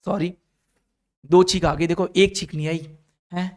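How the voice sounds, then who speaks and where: His voice sits high, and he keeps a steady tone and moderate pace. The speaker is a male chemistry teacher with an Indian accent, leading an upbeat lecture in which students respond to repeated list drills.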